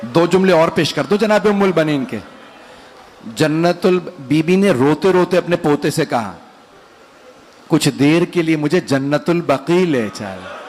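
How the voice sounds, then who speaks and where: A man with an Indian Urdu accent reciting a mourning sermon, rising into drawn-out wailing cries and speaking directly to the gathering. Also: on the high side, expressive, darkish tone, a little hiss or hum. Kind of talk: Muharram majlis recitation.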